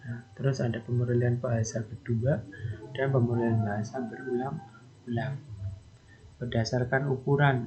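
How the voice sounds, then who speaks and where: A man's voice: mid-range voice, a little mellow, low-quality recording. A man giving a recorded lecture to teacher trainees, who explains step by step and keeps saying "nah" between points. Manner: explains slowly, often says "nah", imitates baby babble.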